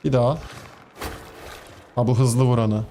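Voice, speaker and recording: Man, Turkish accent, casual game stream talk, mid-pitched voice, chatty with viewers, faint noise behind. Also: fairly even intonation, measured pace, mellow. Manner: chatty, talks to the game's enemies and to viewers, laughs easily. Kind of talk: casual gameplay commentary.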